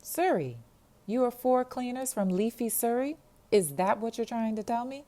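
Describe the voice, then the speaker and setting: A woman's voice: on the high side, lively intonation, moderate pace, warm tone, pitched above the performer's own voice, close to an everyday voice. A woman voicing a tired, grumpy taxi dispatcher on the phone, weary and sarcastic.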